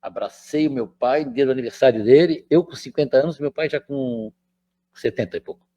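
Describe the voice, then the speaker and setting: A man's voice: mid-range voice, brisk, dark tone. An older man, giving a conversational spiritual lecture and often checking in with his listeners. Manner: chatty, keeps checking in with the audience.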